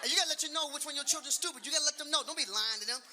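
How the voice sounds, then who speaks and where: A man in his late fifties doing stand-up comedy, loud and animated, repeating his punchlines and talking to the crowd. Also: very high voice, very fast. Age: 50s. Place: comedy stage with a laughing audience. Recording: live show audio with audience noise.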